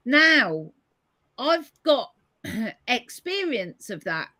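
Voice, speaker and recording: A woman hosts a live-stream conversation over a video call, her voice hoarse today as she thoughtfully reads viewer comments aloud. She speaks extremely slowly in a fairly high, sharp-toned voice with big pitch swings, and the recording is dry.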